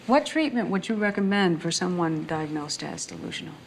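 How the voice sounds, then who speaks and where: An actress playing a brisk, formal prosecutor in a TV courtroom drama. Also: female voice, lowish voice, lively intonation, slight background noise. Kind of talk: television courtroom drama acting.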